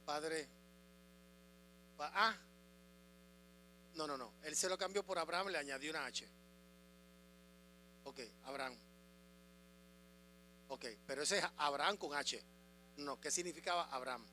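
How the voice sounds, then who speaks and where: High-voiced preaching pastor. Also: male voice, measured pace, long pauses. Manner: swings from loud preaching to quiet asides, asks the congregation questions. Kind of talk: sermon. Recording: music and mains hum behind.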